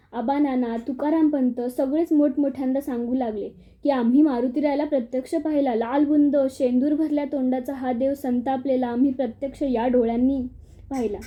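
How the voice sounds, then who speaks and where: A woman reading a humorous village story aloud, telling it expressively and acting out the outbursts. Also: high-pitched. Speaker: audiobook narrator. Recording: dull lo-fi recording.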